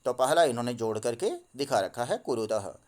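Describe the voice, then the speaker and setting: A male teacher who reads textbook lines out loud and then explains each one, recorded on a phone. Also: medium pitch, animated, moderate pace. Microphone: phone mic.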